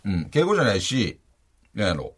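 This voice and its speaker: A man's voice: fairly low pitch, huge pitch swings, breathy edge. A man with a Kansai accent, co-hosting a podcast, chatting casually and reading out listener letters. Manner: reads listener letters, quick banter. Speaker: podcast co-host. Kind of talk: casual chat.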